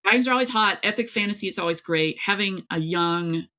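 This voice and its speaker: Brisk and bright with a pushed quality, this woman's medium-pitched voice belongs to a middle-aged author from East Tennessee in the United States. As a guest in a casual, chatty interview, she speaks emphatically and rambles as she tells things.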